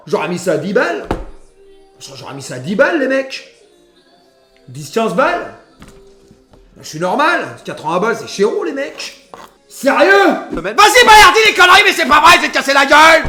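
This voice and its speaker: High, bright, excitable male streamer. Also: roomy sound. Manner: yells at players like a coach, excitable. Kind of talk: live football match reaction.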